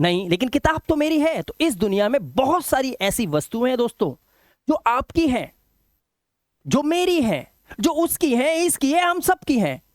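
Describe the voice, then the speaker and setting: A male teacher explaining English grammar to viewers, speaking slowly and repeating words and spellings in a sing-song drill. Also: very high voice, dry recording, clean studio sound. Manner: explains slowly with repetition, addresses viewers directly; drills word lists in a slow, sing-song rhythm. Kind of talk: spoken English lesson in Hindi.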